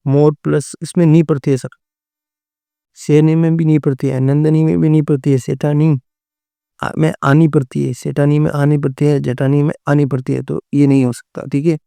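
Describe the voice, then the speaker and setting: A man's voice: fairly high pitch, creaky, mellow, no echo. A man teaching a Hindi exam-prep class, going through multiple-choice answers and often repeating words and answers. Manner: repeats words and answers, often says "theek hai" and "right".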